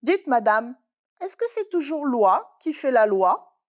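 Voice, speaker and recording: A woman's voice: high voice, very animated, slow, heavily acted. A woman voicing a curious, talkative little chick in a children's storybook tale, asking endless questions. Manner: inquisitive, then tearful and fed up.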